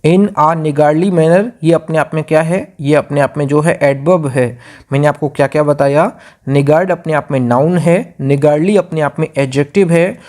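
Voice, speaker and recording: A man with an Indian accent teaching an exam grammar lesson, repeating each rule step by step and reading example sentences slowly. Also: on the high side, darkish tone. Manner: repetitive, drills rules step by step.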